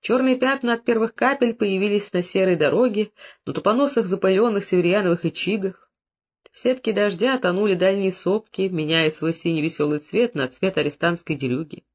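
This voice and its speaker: Man reading a novel aloud, high voice. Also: muffled recording. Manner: measured, descriptive, plays every character. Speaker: narrator.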